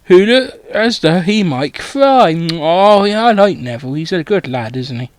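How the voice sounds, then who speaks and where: A man narrates a parody audiobook, swearing freely and breaking off to chat. His delivery is unhurried, with a voice that rises and falls a great deal. The sound is close and dry. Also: sits high, lively intonation, no echo. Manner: sweary, rambling asides. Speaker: comedic audiobook reader.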